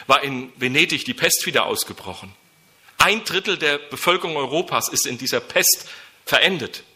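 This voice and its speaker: Bright-voiced fervent male preacher. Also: on the high side. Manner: emphatic, rising to fervent peaks with repeated phrases. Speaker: preacher and mission leader. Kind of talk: sermon.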